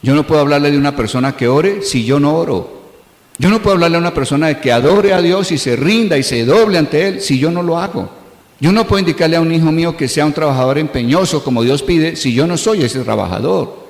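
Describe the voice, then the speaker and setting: Colombian pastor preaching in an echoey hall. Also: male voice, fairly high pitch, animated, brisk. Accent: Colombian Spanish. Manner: earnest, repetitive preaching with anecdotes. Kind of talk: sermon. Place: large church hall. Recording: echoey church hall with long reverb.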